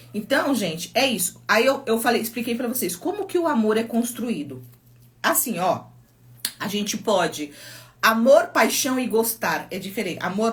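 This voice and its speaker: Middle-aged Brazilian woman, psychologist hosting a live stream, chatty anecdotal delivery, phone mic. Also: mid-range voice. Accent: Brazilian Portuguese. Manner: chatty storytelling, reads viewer comments aloud. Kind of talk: casual live-stream chat.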